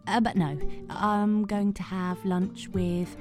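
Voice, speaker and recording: A woman's voice: mid-range voice, flat delivery, takes it slowly, music in the background, lightly acted. A woman voicing a clever little brown mouse in a storybook reading, polite and bluffing.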